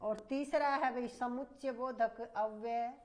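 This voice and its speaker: Woman, high voice, grammar teacher, explanatory, repeats points, exam-prep lesson. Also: steady tone, unhurried, darkish tone. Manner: explanatory, repetitive, addresses students as "bhai".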